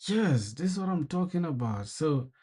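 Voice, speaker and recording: A young South Sudanese man chats casually with viewers while coding live, cursing, letting off frustration and calling everyone bro. His voice runs on the high side with lively intonation at normal speed, dark in tone with a breathy edge.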